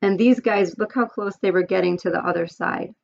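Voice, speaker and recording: A woman teacher reads a chapter book aloud to her students and explains the pictures in a friendly, conversational way. Her voice has a gravelly fry at the ends of phrases. The recording is dull and lo-fi. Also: medium pitch, fairly quick. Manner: friendly, explaining, some fillers.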